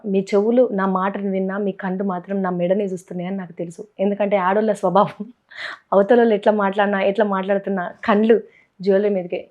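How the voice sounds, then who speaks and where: A young woman with a Telangana Telugu accent, chatting playfully in a casual vlog and mixing in English words. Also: mid-range voice. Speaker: vlogger. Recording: dull lo-fi sound.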